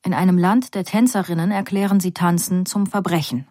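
A woman narrating a literary story aloud in a calm, measured, reflective way. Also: lowish voice, no echo, studio quality.

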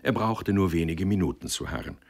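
A man reading a novel aloud in a measured, expressive storytelling manner. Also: deep voice. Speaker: reader. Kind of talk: literary reading.

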